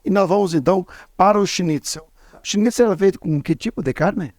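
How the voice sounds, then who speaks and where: A man's voice: sits high, a little fast, darkish tone, dry recording, clean studio sound. A man hosting a cooking show, chatting casually, asking questions and adding trivia. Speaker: host.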